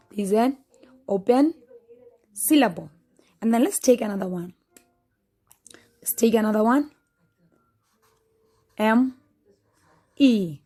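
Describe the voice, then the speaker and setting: Slow, patient woman teaching phonics. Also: on the high side, dark tone. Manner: slow, patient, repeats sounds aloud. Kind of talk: phonics lesson for children.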